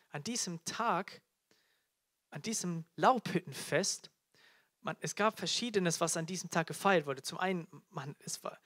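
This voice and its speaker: A man's voice: high voice, a bit bright. Fervent male preacher calling out hallelujahs. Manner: fervent, exclaims hallelujah often, repeats key phrases. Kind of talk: live sermon. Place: church teaching event before a congregation.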